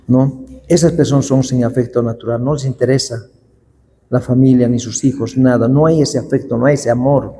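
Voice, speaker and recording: A male pastor preaching a sermon, reading scripture slowly and deliberately. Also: mid-range voice, fairly even intonation, mellow, slight background noise. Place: church hall. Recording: long hall reverb.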